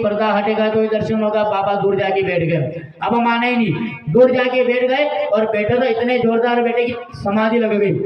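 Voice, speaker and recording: High-voiced storyteller, echoing from afar. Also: male voice. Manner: animated storytelling, rhetorical questions. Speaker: religious storyteller. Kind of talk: devotional story sermon. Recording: echoey hall from far off, dull.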